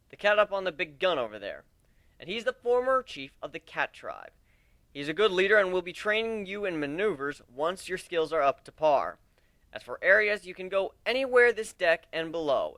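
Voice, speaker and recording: A man voicing a brash, cocky griffin captain in a story reading, loudly addressing his crew with a commanding manner. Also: on the high side, dry recording. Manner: loud, commanding, speechifying.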